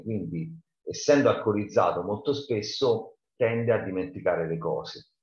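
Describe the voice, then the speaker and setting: A man reading a novel aloud and explaining it in a conversational way. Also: on the low side. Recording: roomy, dull lo-fi sound.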